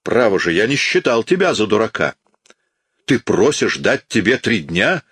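A domineering police inspector from an audiobook barks commands with open contempt, as a man puts him on. The voice is pushed up and loud from a naturally deep register. The recording is dry and close. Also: very animated, normal speed, breathy edge, dry recording, exaggerated voice. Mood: mocking contempt. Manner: shouting, contemptuous, barking orders. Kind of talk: audiobook reading.

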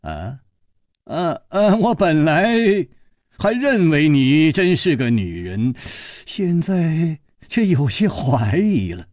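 A man voicing a calm, carefree young hero who talks in an unhurried, faintly mocking manner. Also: fairly high pitch, no room sound, clean studio sound.

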